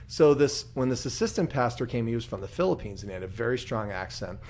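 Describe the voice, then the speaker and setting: A male church musician hosting a podcast, telling stories in a loose, conversational way. He acts out the people he quotes with a lot of animation, and his voice sits at an ordinary male pitch. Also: expressive, fast, a little mellow. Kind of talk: casual storytelling chat.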